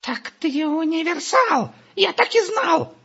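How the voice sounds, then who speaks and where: A man voicing a panicky, shrill young man who squeals in hysterics. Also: very animated, slow pace, creaky, bright, forceful tone, heavily acted. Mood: triumphant. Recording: dull lo-fi recording.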